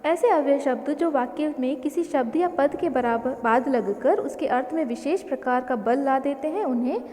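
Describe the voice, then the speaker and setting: High-voiced woman teaching grammar. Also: moderate pace, warm tone. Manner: explains step by step, reading out lists of examples. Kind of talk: grammar lesson for school students. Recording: reverberant room with faint ambient noise.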